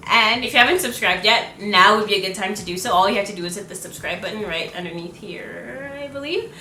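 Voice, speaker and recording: Bright, forceful young woman vlogger. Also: medium pitch, brisk, a little hiss or hum, rough recording. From lives in Canada. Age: young adult. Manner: chatty, instructional, addressing viewers. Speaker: home decor vlogger. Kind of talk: upbeat YouTube vlogger narration, explaining DIY projects.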